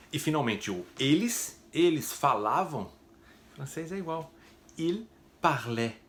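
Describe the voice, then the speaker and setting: A man's voice: medium pitch, fairly bright tone. Guy teaching french, super chatty, keeps asking "right?", mid voice, slight hiss behind. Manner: chatty, explains step by step with frequent "né?" tags. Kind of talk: casual video lesson.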